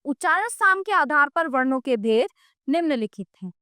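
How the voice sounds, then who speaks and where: A woman teacher reads through a grammar lesson in a fairly high voice, and the recording is dry with no room sound. She reads the definitions steadily and slows down to sound out each letter and example word. Now and then she drops a short aside to the viewer. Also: expressive, pushed and bright, no echo. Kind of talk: reading a grammar lesson aloud.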